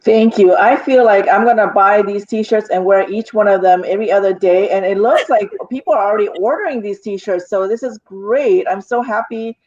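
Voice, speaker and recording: A woman's voice: mid-range voice, moderate pace, few pauses, a little mellow, dry recording. A woman hosts a panel in an upbeat, chatty way, teasing herself as she moves between topics. The recording is dull and muffled, with a dry sound and no room around it. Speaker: panel moderator. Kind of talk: moderating an online panel.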